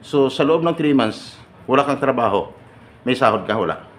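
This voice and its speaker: A man leading a seminar for departing overseas workers, joking and firing quick questions at his audience. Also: mid-range voice, lively intonation. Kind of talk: lively seminar talk to an audience. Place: large hall with an audience. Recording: echoey hall, mic far off, noisy.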